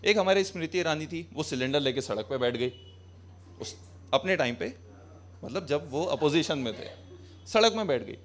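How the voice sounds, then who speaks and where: A young comic's fairly high, expressive voice carries through a handheld mic at normal speed, broken by long pauses, with slight background noise. He's doing a live set on a small cafe stage, addressing the audience with conversational sarcasm in a mix of Hindi and English.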